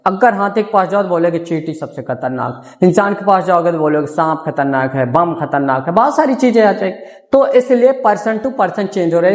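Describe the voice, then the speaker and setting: A man teaching a maths class in Hindi with a Hindi accent, dictating note points word by word, repeating them, and checking whether students follow. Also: high voice. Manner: dictates slowly, repeating words for notes; asks students rhetorical checks. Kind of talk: classroom lecture.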